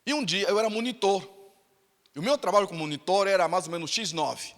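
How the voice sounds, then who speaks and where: Brazilian male pastor, high bright voice, emphatic sermon delivery, echoing church hall. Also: lively intonation, fast. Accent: Brazilian Portuguese. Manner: emphatic, repetitive preaching delivery. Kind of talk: sermon with storytelling. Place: church sanctuary.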